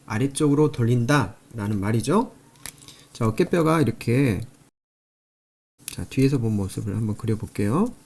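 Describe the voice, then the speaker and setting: In an explanatory anatomy lecture, a man draws and works through review questions, teaching step by step with frequent emphasis and repeating key terms. His medium-pitched voice is expressive, a little mellow and creaky, moving at normal speed with frequent pauses.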